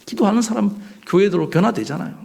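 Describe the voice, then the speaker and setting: A male pastor delivering a sermon, swinging between soft near-whispers and loud outbursts. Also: high-pitched, expressive, fast, vocal fry.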